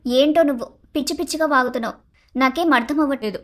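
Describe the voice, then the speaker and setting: Cartoon story: a woman as a blunt, scolding young wife, high voice. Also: fast, fairly bright tone. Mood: puzzled. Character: young married woman, sharp-tongued and feisty. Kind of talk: Telugu storybook cartoon dialogue.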